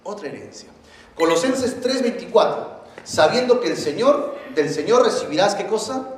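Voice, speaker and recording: A man preaching a sermon as pastor, animated and often asking the congregation questions. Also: sits high, normal speed. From Peru. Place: church hall. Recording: very echoey church hall, faint noise.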